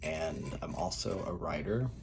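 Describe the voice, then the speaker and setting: A man with a low-pitched voice reads fantasy fiction aloud. His delivery is quiet, soft and calm, like an author sharing a chapter. A light noise sits behind the voice. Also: measured pace, gravelly. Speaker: writer reading own novel aloud.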